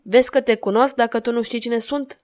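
A woman reading aloud and voicing a cold, relentless duchess who speaks in an insistent, measured way. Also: on the high side, fairly even intonation, a little mellow, voice pushed up, close to an everyday voice.

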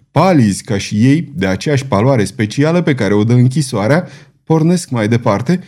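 A man narrating an adventure novel in a dramatic, theatrical audiobook reading. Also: mid-range voice. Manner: expressive, theatrical storytelling.

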